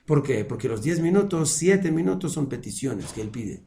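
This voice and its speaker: A man's voice: on the high side, expressive, moderate pace, creaky, warm tone, reverberant. A man teaching a casual religious class as a rabbi, asking rhetorical questions as he explains. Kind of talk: informal religious lesson.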